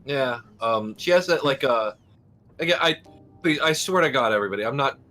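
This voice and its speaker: With faint music in the background, a livestream co-host chats and rambles, playfully slipping into put-on British and Irish accents for impressions. His mid-range voice is expressive and sharp, and he talks fairly quickly.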